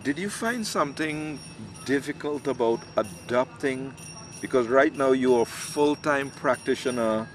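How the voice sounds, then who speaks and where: A man hosting an interview, asking questions in a measured way with hesitant restarts. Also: mid-range voice. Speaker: host. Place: outdoors, in hills. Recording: noisy outdoor recording.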